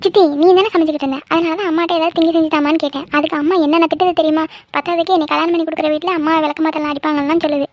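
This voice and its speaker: A woman's voice: high-pitched, steady tone, racing, hardly any pauses, close to an everyday voice. A woman voicing a cheeky teenage schoolgirl who answers back to her mother in a cartoon. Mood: defiant.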